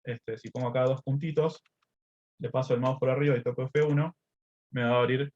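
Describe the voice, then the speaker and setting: Speaking a little fast in a mellow, medium-pitched voice with fairly even intonation, a male math teacher walks through a coding lesson on screen one step at a time. "¿Sí?" and "este" come up often as check-ins and fillers, and the recording sounds a bit dull and lo-fi.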